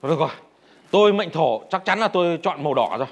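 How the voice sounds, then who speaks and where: A man's voice: on the high side, expressive, racing. A middle-aged man playing a nervous, grumbling heavenly official in a satirical stage comedy, stammering and hesitant. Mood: flustered. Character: nervous, grumbling Kitchen God official of economy. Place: large indoor theatre stage. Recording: noisy theatre with loud audience reaction.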